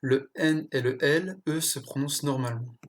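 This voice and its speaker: A teacher slowly explaining pronunciation, pausing often and correcting small slips along the way. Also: mid-range voice, fairly even intonation. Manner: slow, careful explanation with pauses and self-corrections. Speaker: language teacher.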